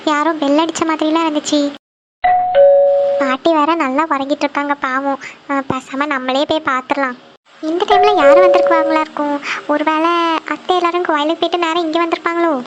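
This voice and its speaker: A woman's voice: sits high, fairly even intonation, fairly quick, noisy background, close to an everyday voice. A woman voicing a timid young wife in a cartoon, fearful and pleading. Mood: uneasy. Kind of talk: cartoon voice acting. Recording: dull lo-fi audio.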